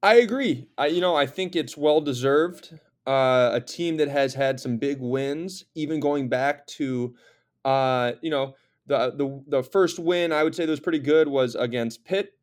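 A man's voice: medium pitch, unhurried. A man hosting a sports podcast in casual talk, chatty and hesitant with frequent fillers. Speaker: podcast host.

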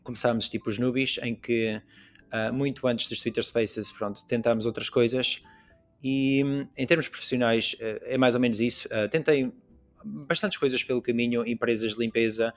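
A man's voice: medium pitch, fairly even intonation, moderate pace, faint music behind. A young Portuguese man with a European Portuguese accent, a podcast guest talking casually with many fillers and restarts. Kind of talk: casual conversation.

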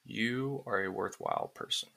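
Guy doing a sleep story style relaxation narration, kinda low creaky voice, calm and soothing, lots of pauses.

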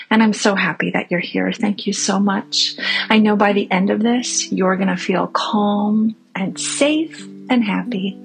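A woman leads a guided meditation for families and children, speaking in a gentle, reassuring way and sometimes easing into a breathy near-whisper. Her pitch is medium, and the recording quality is low.

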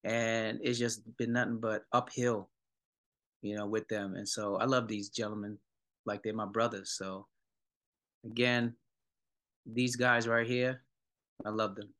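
Brief: male guest, lowish bright voice, level delivery, heartfelt. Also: level tone, a little slow, long pauses. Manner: heartfelt, speaks in short phrases. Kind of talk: casual talk-show chat.

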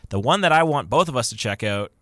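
A man's voice: mid-range voice, expressive, fast, fairly bright tone, no echo, studio quality. A man co-hosting a casual movie podcast, reading out film news in an upbeat way. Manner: upbeat, reads news items off a list. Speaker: podcast co-host.

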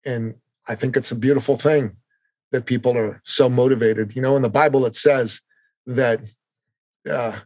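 With a medium pitch, steady tone and darkish quality at normal speed, a Canadian man delivers impassioned political podcast talk, repeating phrases for emphasis. There is no room sound.

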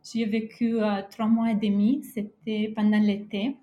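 A woman speaking as a podcast guest, telling a prepared personal travel story in a careful, halting way with frequent hesitations. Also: medium pitch, flat delivery, lo-fi sound.

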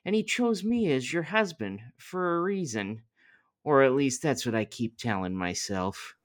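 A man's voice: fairly high pitch, very animated, unhurried, voice pushed up. A man voicing Joseph, a fussy, apologetic husband who soothes his wife. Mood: reassuring. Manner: soothing, flustered.

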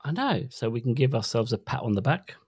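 A man's voice: mid-range voice, lively intonation, brisk, breathy edge, no echo, clean studio sound. A middle-aged man co-hosting a podcast in casual chat, easygoing and chatty. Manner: chatty, easygoing, with stumbles and restarts. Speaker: podcast co-host.

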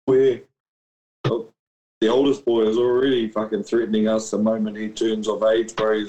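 A man's voice: fairly low pitch, flat delivery, moderate pace, dark tone, poor audio. A middle-aged man telling stories in casual chat, blokey and slangy with plenty of swearing.

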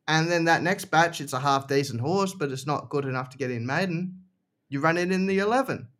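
Higher-pitched Kiwi man chatting casually. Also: a little fast, fairly bright tone. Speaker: podcast guest. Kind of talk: casual chat.

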